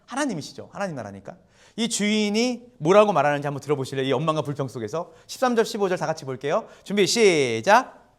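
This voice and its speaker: A man's voice: on the high side, very animated, fast talker. A male pastor giving a sermon in a church, chatty and conversational, often putting questions to the congregation. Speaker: guest pastor. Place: church sanctuary.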